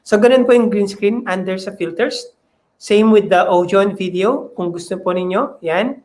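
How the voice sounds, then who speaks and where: A man with a Filipino accent giving a step-by-step software tutorial, mixing Tagalog and English. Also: sits high, moderate pace. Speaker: software trainer.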